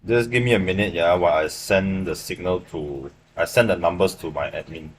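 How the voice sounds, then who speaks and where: A young Malaysian man speaks in Malaysian English with a very low, deep voice. He talks casually through trade setups on a live stream, checking in with his viewers often. A faint hum sits under the recording from his small room. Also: brisk. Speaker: livestream forex trader. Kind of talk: live trading stream commentary.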